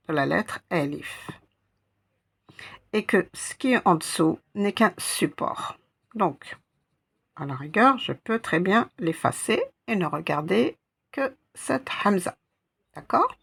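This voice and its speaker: Woman, language teacher, slow patient delivery, gravelly husky voice, lowish pitch. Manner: patient, repeats sounds syllable by syllable. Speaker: Arabic teacher. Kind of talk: slow step-by-step lesson.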